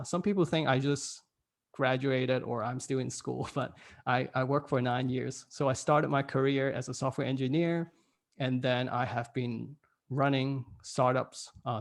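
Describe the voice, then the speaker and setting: A man's voice: mid-range voice, fairly even intonation, measured pace, gravelly. A man in his thirties from Hong Kong, giving a casual online workshop talk from home, laughing often at his own jokes. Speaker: workshop speaker. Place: home room.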